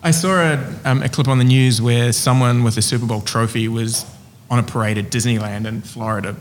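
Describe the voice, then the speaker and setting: A man from New Zealand with a Kiwi accent, chatting as a guest with deadpan jokes. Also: mid-range voice, brisk, slight background noise. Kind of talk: casual chat.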